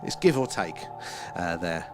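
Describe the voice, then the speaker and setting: A man with an Essex accent talks in a low-pitched voice over clearly audible music. He hosts a livestream in a casual, chatty style, rambling along and poking fun at himself as he replies to viewers. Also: expressive, unhurried. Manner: rambling, self-deprecating. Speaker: livestream host. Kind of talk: casual livestream chat, answering viewers' comments. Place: small room at home.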